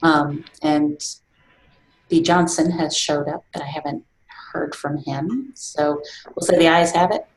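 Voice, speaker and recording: A woman chairing a casual online group meeting, relaxed and chatty, laughing often. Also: sits low, measured pace, reverberant, slight background noise, rough recording. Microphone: video call.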